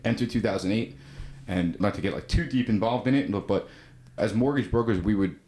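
A man's voice: lowish voice, a little fast, warm tone. A man in his thirties from New Jersey, a podcast guest telling a long story in a casual, rambling way, full of filler words.

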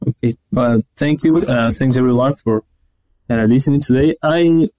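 A young man from Argentina, giving earnest, halting answers as an interview guest. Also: mid-range voice, warm tone, poor audio. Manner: earnest, halting, restarts phrases. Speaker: guest researcher.

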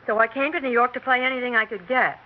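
A young adult woman with a fairly high voice speaks fast in fairly even tones, her natural voice coming through a dull vintage radio recording with hiss. In a 1960s radio drama style, she plays a persistent, talkative aspiring actress making an earnest, flustered, stammering plea.

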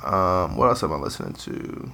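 Halting young man with gravelly voice. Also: sits low, very animated, bright, forceful tone. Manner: hesitant, halting, many ums. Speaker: podcast co-host. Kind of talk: casual chat.

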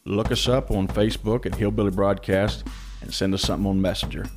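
A man's voice: on the low side, fairly even intonation, brisk, faint music behind. A man hosting a casual podcast, telling folksy stories and laughing often. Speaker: podcast host.

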